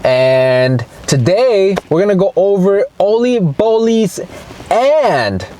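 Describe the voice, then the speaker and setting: A man's voice: high-pitched, very animated, slow, dark tone. A man giving a casual mukbang eating review to camera, talking to viewers as guys between bites and savoring hums. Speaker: food review vlogger. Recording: clear ambient background noise.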